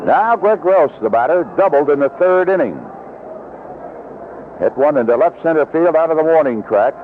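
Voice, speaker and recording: Speaking from an outdoor broadcast booth at the ballpark, this man delivers live baseball play-by-play in the manner of 1970s radio commentary, his voice pitched high, expressive, and at normal speed. Heavy noise and lo-fi vintage AM radio quality color the recording, and the stadium roars loudly in the background.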